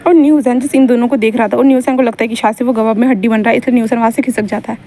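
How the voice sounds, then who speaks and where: Mellow-voiced woman storyteller. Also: a little high, fairly even intonation, racing. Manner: chatty, filler-laden retelling. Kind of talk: Hindi fan-fiction storytelling narration.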